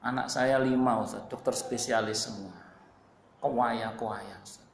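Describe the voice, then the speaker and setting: A man quoting a remorseful old man in his seventies who confides softly and plaintively. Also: mid-range voice, fairly even intonation, moderate pace, vocal fry, a little hiss or hum, natural voice. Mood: regretful. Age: 70s. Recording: echoey hall with faint ambience.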